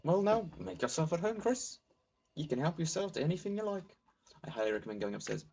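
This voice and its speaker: A man reading game dialogue as a gentle, motherly goat woman, sweet and politely fussing. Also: medium pitch, very animated, fast talker, vocal fry, husky, lo-fi sound, full character voice. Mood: sweetly polite.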